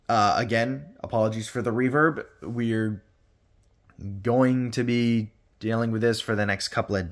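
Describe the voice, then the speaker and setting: Chatty man in an echoey room. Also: mid-range voice. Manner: chatty, rambling, with playful swearing. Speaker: toy reviewer. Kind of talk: casual toy review vlog. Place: indoor room with reverb.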